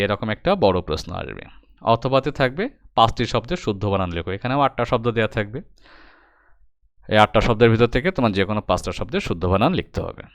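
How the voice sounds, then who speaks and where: A man's voice: medium pitch, clean tone, no echo, studio quality. A man teaching a recorded exam-prep lesson, patiently explaining step by step and addressing his students directly.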